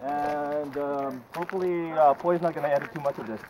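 A man's voice: on the high side, steady tone, fairly quick, a little mellow. A young man chats casually and wryly outdoors, a few steps from the camera mic. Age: young adult. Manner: wry, joking. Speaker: vlog participant. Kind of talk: casual chat. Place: open foggy lakeside, outdoors. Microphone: camera mic a few steps away. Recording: dull outdoor camera audio with noise.

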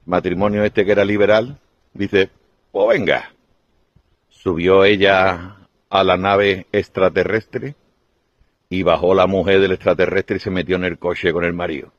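A comedian telling jokes in a brisk, conversational storytelling way. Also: male voice, low-pitched, flat delivery, no room sound, dull audio. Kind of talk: joke telling.

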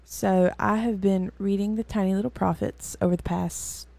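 Chatty, mellow-voiced woman teaching scripture. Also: mid-range voice, steady tone, moderate pace, vocal fry, no echo. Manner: chatty and rambling, with many fillers and self-corrections. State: weary. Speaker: host and Bible teacher. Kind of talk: casual Bible teaching.

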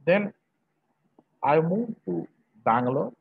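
This lecture to online students comes from a male professor from Varanasi, northern India, whose husky voice sits fairly high and moves with lively intonation. He talks emphatically, in short halting bursts with repetition, from a small room indoors. The video-call sound is dull and muffled.

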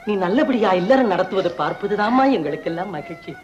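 An actor playing a dignified elder brother in a classic film, speaking in measured, formal moral sayings. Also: male voice, high voice, wildly swooping pitch, highs cut off, faint music behind. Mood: moralizing. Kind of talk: 1950s Tamil film acting.

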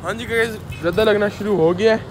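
Filming on his phone at arm's length, a young adult from Pakistan explains rooftop construction work to his viewers in Urdu with a Punjabi tinge. He talks a little quickly in a high-pitched voice, and the outdoor recording is noisy.

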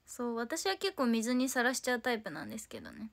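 A woman's voice: a little high, huge pitch swings, fast. A woman in her twenties from Tokyo, hosting a casual solo livestream and chatting playfully in answer to viewer comments. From Tokyo, Japan. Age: 20s. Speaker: idol livestream host.

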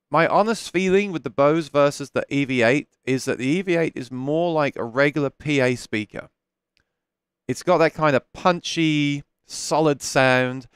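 Through a headset mic in a small home studio, a thirty-something man runs a casual live stream, answering viewers candidly and restarting often. His medium-pitched voice is smooth and free of echo.

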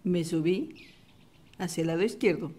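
A woman giving a patient, step-by-step embroidery lesson, calmly repeating each stitch. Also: lowish voice, moderate pace. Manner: calm step-by-step instruction, repeats the steps softly. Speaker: embroidery teacher. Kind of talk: slow, patient craft tutorial.

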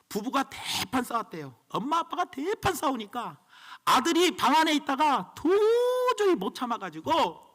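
A man's voice: very high-pitched, a bit bright. A man preaching a sermon as pastor, emphatic and storytelling.

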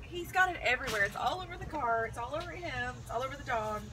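A woman's voice: high voice, lively intonation, quick pace, a crowd in the background. A middle-aged woman chatting casually, heard at a distance on a very noisy phone recording. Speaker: mother looking after her son. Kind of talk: casual chat.

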